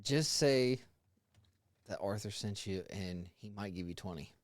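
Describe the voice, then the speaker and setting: A man's voice: lowish voice, unhurried, no room sound. A man co-hosting a podcast, chipping in with short, joking, casual asides. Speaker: podcast co-host. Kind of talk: casual chat.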